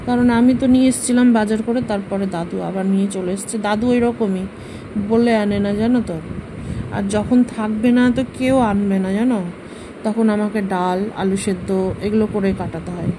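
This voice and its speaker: A middle-aged woman rambles on to her viewers about her day's chores in a homely, chatty way. Household noise is clearly heard behind her. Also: medium pitch, steady tone, normal speed. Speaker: vlogger. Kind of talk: casual household vlog chat. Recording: noisy home recording.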